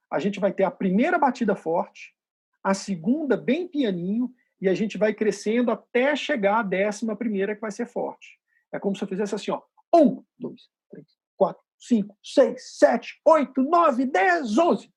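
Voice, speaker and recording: A man teaching a rhythm workshop, patiently explaining and counting beats out loud. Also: high voice, breathy edge. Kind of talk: rhythm lesson.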